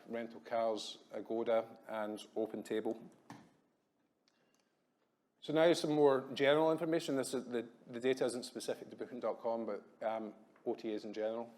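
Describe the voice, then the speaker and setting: A man in his thirties from Glasgow with a Glaswegian accent, giving a quick, chatty business presentation at a conference with plenty of ums. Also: medium pitch, a little mellow. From Scotland. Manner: quick, chatty, self-deprecating, many ums. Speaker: conference speaker. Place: hotel conference room.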